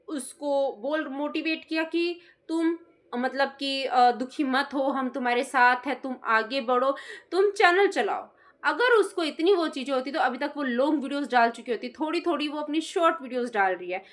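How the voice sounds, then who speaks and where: A woman's voice: high voice, a bit bright. A woman giving casual opinion commentary in a reaction video, indignant and scolding, often quoting others mockingly.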